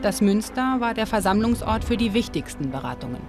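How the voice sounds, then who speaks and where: A woman's calm, measured voice-over narrates a history documentary, her mid-range pitch and delivery staying steady. It's a studio recording with clear background music underneath.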